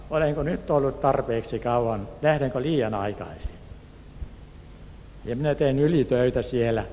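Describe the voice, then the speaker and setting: A man from Turku recounts a personal testimony in an earnest, unhurried voice of ordinary pitch. He acts out the people in his story as he goes. The recording is an echoey hall with a faint hum of background noise. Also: a little mellow. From Turku, Finland. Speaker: speaker giving a personal testimony.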